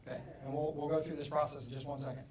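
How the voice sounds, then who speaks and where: A middle-aged man giving an animated motivational talk to an audience, acting out bits of dialogue with loud bursts. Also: a little high, very fast, a little hiss or hum. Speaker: motivational speaker. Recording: roomy, distant hall mic, faint ambience.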